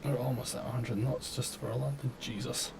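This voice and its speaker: Gravelly man casually commentating a flight game. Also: medium pitch, level tone, brisk, background noise. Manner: muttering to himself, sweary, dryly self-deprecating. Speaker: live streamer playing a flight simulator. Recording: game stream with clear background music. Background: music.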